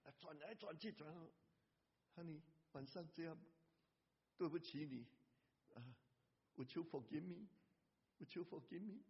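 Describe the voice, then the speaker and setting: A man pastor preaching a sermon in an animated way, breaking into a hymn at times. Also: fairly high pitch, unhurried, pauses often, breathy edge. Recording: lo-fi church hall reverb.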